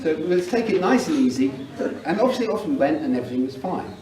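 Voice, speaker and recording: A man's voice: a little high, lively intonation, fast, darkish tone. Middle-aged English man toasting, distant and echoey. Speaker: father of the bride giving a toast. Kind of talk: wedding speech with humorous anecdotes. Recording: roomy, noisy event recording from far off.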